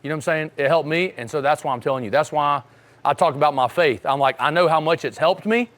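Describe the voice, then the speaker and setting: A man's voice: a little high, fast, a bit bright. A man coaching young wrestlers in a casual motivational talk, often checking in with his listeners.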